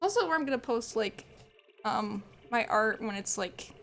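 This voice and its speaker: A woman's voice: on the high side, animated, moderate pace, vocal fry, fairly bright tone. A woman streaming a game, chatting casually and rambling as she plays, often laughing. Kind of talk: casual live-stream chat while gaming.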